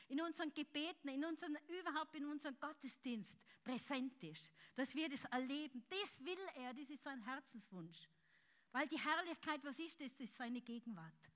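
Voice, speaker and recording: Fervent high-voiced woman preaching. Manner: fervent, swings between loud shouts and soft intimate speech. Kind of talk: charismatic sermon.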